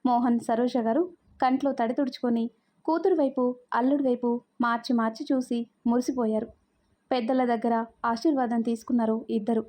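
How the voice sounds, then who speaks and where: A woman narrating a family drama story in a calm, even storytelling manner. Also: a little high, fairly quick. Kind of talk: scripted narration.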